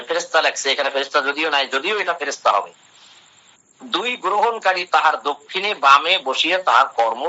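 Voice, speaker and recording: The audio is dull and lo-fi as an Islamic lecturer, a man with a slightly high, sharp voice, explains Quran verses. He works through the Arabic phrase by phrase, asking questions and then answering them himself.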